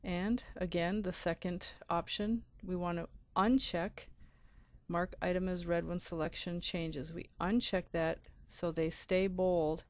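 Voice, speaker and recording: A woman narrating a screencast software tutorial as an IT support instructor, explaining methodically step by step. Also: lowish voice, fairly even intonation, measured pace. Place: close, dry voice-over for a screen recording.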